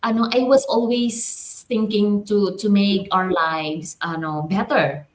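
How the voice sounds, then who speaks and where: Animated woman telling her life story. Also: mid-range voice, slow pace. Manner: animated, switching between Tagalog, English and Japanese. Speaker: business coach. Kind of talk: personal testimony, casual storytelling.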